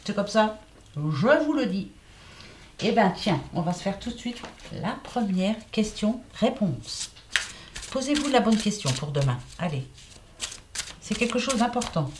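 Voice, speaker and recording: A woman's voice: medium pitch, very animated, measured pace, long pauses, noisy background. Chatty woman reading oracle cards. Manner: chatty, repeats herself, fillers like hein and voilà. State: lisping slightly. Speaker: oracle card reader. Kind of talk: casual card-reading guidance.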